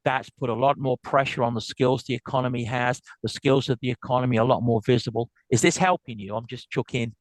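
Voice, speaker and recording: A man with a South African accent, born in South Africa, giving an upbeat business talk and answering questions quickly, with frequent restarts. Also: mid-range voice, dry recording, low-quality recording. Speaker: guest speaker. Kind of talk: business lecture and Q&A.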